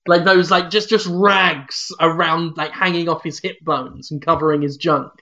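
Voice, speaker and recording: A co-host adds to the joke in a dry, deadpan way. The voice sits at a middle pitch. It comes through a dull, lo-fi microphone. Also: moderate pace. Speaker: comedy podcast co-host. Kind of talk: improvised comic riffing.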